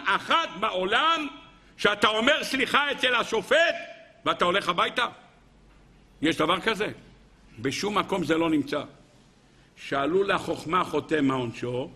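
A man's voice: high-pitched, pushed and bright. A man giving a sermon to a live audience, firing rhetorical questions and acting out little dialogues. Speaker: religious lecturer.

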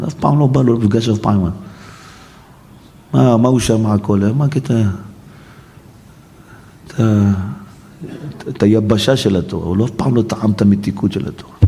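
A man preaching a sermon, retelling a story with animated, emotional delivery. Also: mid-range voice. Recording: echoey hall.

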